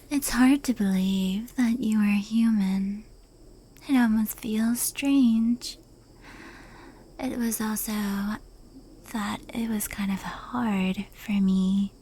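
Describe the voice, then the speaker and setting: At a medium pitch, a woman whispers as a proud, powerful female fox yokai in an ASMR roleplay. Her soft, breathy tone is dark and mellow, and she sounds tender and reflective, talking slowly, hushed and close like a fond confidante.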